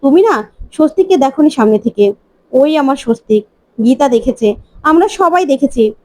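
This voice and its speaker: An older, determined father from a serial retelling, pressing his points over and over in a high, close voice, read by a woman. The sound is dry. He sounds insistent and resolute. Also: expressive, moderate pace, a little mellow, no room sound. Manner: insistent, emphatic, repeating himself.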